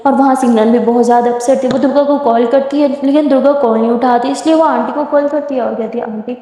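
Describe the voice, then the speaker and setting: A woman's voice: sits high, fairly even intonation, fast talker, warm tone. A woman telling a love story in a conversational, retelling way, as a storyteller. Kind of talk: Hindi love-story narration. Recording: echoey room with long reverb.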